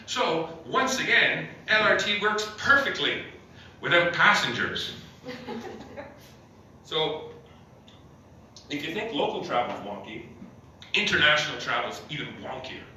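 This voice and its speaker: A man works through a loose stand-up set, rambling and laughing at his own punchlines. His voice is bright and sits a little high for a man. It reaches the mic from a distance and echoes around a hard room, with faint noise underneath. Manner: rambling, chuckles at his own jokes, lots of uh. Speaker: stand-up comedian. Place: small comedy club, no live audience.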